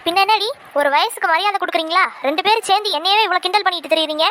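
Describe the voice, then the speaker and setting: A quick-tempered village mother in a homemade cartoon, voiced by a woman. Her voice is very high and sharp as she nags and scolds without pause. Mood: scolding. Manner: scolding, nagging.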